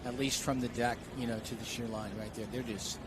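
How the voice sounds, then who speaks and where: A man's voice: medium pitch, little pitch movement, a little fast. An American man chatting as co-commentator in conversational live sports coverage. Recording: clear outdoor vehicle noise behind.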